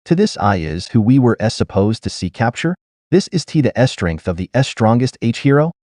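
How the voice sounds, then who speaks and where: A man's voice: mid-range voice, sing-song, a little fast, darkish tone, no echo, clean studio sound, close to an everyday voice. A man voicing a terrified male dragon monster, shaky and fearful.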